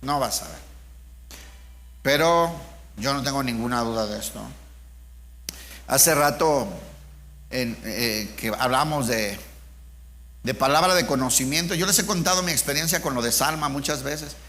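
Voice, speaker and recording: A man's voice: medium pitch, measured pace, long pauses, bright, forceful tone. A middle-aged man, preaching an informal sermon with personal testimony, speaking conversationally and asking his listeners rhetorical questions.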